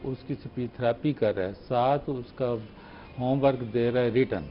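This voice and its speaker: A man who is a speech therapist, giving calm explanatory advice on a talk show. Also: mid-range voice, highs cut off, slight background noise.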